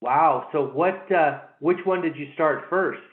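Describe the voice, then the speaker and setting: A man hosting an interview, talking haltingly with many fillers and repeated words. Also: fairly high pitch. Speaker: interview host. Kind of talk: casual interview. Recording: echoey, tinny phone-like line.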